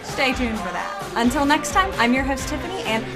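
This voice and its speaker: A woman with a high, lively voice hosts an online show in a bubbly, playful manner. Her pitch swings up and down as she talks. Music runs clearly in the background. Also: fairly quick. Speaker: host. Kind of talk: casual online show hosting.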